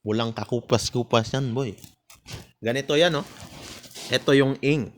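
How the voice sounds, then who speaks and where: A man's voice: mid-range voice, measured pace, slight background noise. A man, ranting in a casual monologue, bitter and taunting, laughing between jabs and switching into English. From Philippines.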